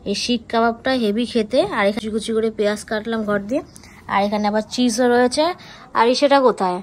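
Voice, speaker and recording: A woman's voice: a little high, fast. A young woman vlogging in a casual, chatty way. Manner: lively and chatty, hushed late at night. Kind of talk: casual vlog chat.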